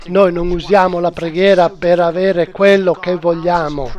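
Man, preacher, high-pitched voice, earnest, emphatic sermon delivery. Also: darkish tone, dull audio. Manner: earnest, emphatic, direct address.

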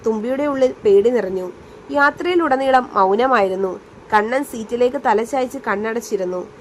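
A woman's voice: on the high side, normal speed, slight background noise. Woman narrating a romance story. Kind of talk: reading a serialized romance story aloud.

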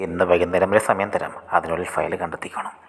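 A man's voice: low voice, fairly even intonation, quick pace, husky, long reverb tail. A man voicing a stern, corrupt older male office superintendent who scolds and threatens. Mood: scolding.

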